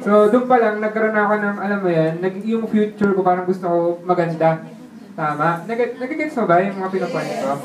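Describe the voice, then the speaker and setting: A man telling his life story in a casual way, laughing often and checking in with the listener through quick tag questions. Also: high voice. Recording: roomy sound from a distant mic with faint ambience.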